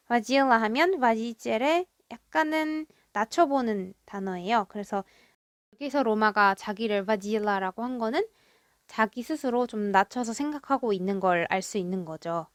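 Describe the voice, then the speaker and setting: A woman teaching a language from a drama script, reading each foreign line slowly and carefully before explaining it. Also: on the high side, dry recording, clean studio sound. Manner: reads foreign lines slowly and carefully, then translates.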